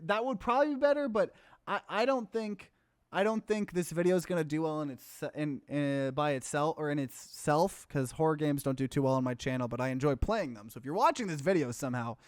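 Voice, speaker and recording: A let's play host gives casual, rambling commentary on a game during a livestream, with game music in the background. The voice is mid-range, and the recording is dry and studio quality.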